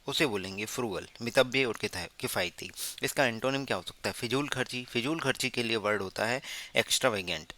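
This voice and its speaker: Bright, crisp Indian male teacher. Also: mid-range voice. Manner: explains step by step, spells words letter by letter, asks students rhetorical questions. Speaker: vocabulary teacher. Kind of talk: exam-prep lesson.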